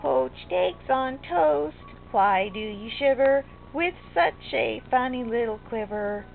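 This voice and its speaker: Older woman doing a high, sing-song picky little girl. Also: sing-song, full character voice. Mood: singing to self. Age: older, grandmother. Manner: sing-song, drawn-out, earnest. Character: little girl, picky, curious, singing to herself. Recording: muffled lo-fi home recording, music behind.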